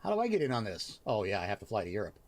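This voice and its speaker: A man with a lowish, slightly mellow voice whose pitch swoops wildly hosts a live help stream on writing and worldbuilding. He chats casually while reviewing work on his screen, thinking aloud and pausing and restarting as he reads.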